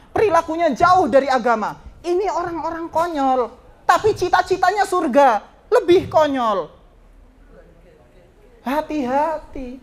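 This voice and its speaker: An ustadz with an extremely high-pitched voice gives a lively religious talk to students. He swings between raised exhortation and soft, joking asides.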